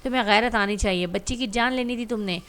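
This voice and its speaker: A woman's voice: on the high side, fairly bright tone, smooth. A woman voicing an angry, stern father scolding his son in a read-aloud story. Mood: furious. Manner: harsh, scolding. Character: stern, furious older father.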